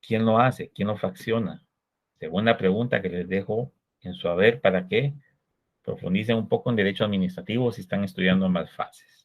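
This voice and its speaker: This is a recorded law lecture by a Guatemalan man whose voice is on the low side and whose accent is Guatemalan Spanish. He speaks with measured explanations and asks his students rhetorical questions, captured on a dull lo-fi recording.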